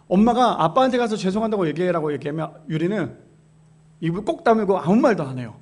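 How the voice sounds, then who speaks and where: High-voiced earnest male pastor preaching. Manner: earnest preaching, asks the congregation questions and acts out quotes softly. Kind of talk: sermon. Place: church sanctuary.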